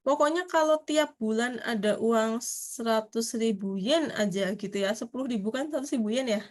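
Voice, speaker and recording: A woman with a fairly high voice leads a relaxed Japanese lesson. She talks in a loose, chatty way and laughs often. When she reads example sentences she slows right down. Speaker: Japanese language teacher. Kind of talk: casual online class explanation.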